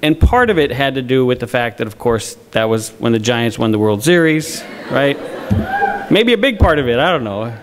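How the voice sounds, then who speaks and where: A man's voice: medium pitch, lively intonation, moderate pace, slight background noise. A male faculty member giving an informal speech at a student ceremony, earnest with dry joking asides and frequent restarts, in front of a live audience.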